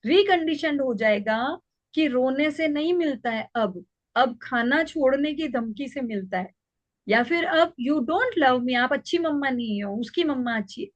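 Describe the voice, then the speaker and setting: A woman teaching an online parenting class in a calm, explaining way. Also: high-pitched, dry recording. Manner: calm, explanatory, acts out child and mother lines. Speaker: parenting coach.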